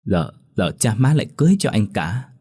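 A man's voice: fairly low pitch, sing-song, brisk, dark tone, breathy edge. A man voicing a young son who sobs and speaks resentfully about losing his love. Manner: sobbing, resentful speech. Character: grieving young son, bitter and tearful.

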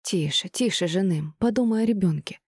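A woman's voice: medium pitch, moderate pace, a little mellow, breathy edge, no room sound, clean studio sound, pitched above the performer's own voice. A woman voicing a tearful middle-aged mother who pleads with her family in a raised, strained voice. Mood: pleading.

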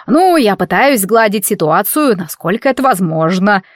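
A sarcastic talking wardrobe with a man's air of mock drama, teasing and grumbling in a voice pitched a touch above a middling one, as a woman reading a fantasy audiobook puts him on. The sound is dry and close, with no room around it. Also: very animated, moderate pace, dry recording.

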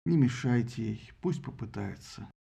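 A man's voice: medium pitch, lively intonation, moderate pace, gravelly, warm tone, voice pushed down. A man voicing Zeus as a weary, indulgent father god who grumbles at his daughter in an audiobook. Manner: tired, grumbling.

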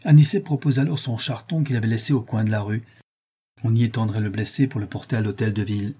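A man narrating a historical novel as an audiobook, in a measured, even storytelling manner. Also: lowish voice, husky.

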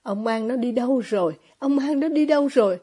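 A frantic, grief-crazed old father cries out in broken, wailing phrases, as a woman narrator reads him. The voice sits high and has a husky edge. It stays close to the reader's own storybook tone. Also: expressive, a little fast, mellow. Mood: anguished.

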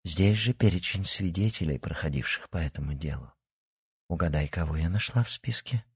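A man voicing a secretive, determined young woman who speaks low and conspiratorially in an audiobook. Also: animated, brisk, breathy edge, no room sound, clean studio sound, heavily acted. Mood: hushed. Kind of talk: audiobook character reading.

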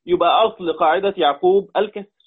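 The man's voice is high and fast, with a breathy edge, and it comes through a tinny line that sounds like a phone. In this online lesson he explains Quran readings in an Egyptian Arabic accent, repeating himself and quizzing the students.

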